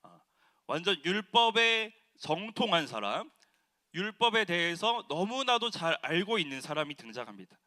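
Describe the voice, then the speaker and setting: A man preaching to middle schoolers as a youth pastor, lively and acting out the quotes while asking the audience questions. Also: high-pitched, moderate pace. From South Korea. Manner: animated, acts out quotes, asks the audience.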